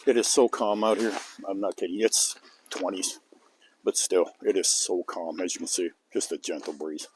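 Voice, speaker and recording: With a deep voice and a moderate pace, the older outdoor vlogger tells a wandering, folksy story to the camera, chuckling between lines. The clip was recorded outside on a calm, cold day and carries a little hiss or hum.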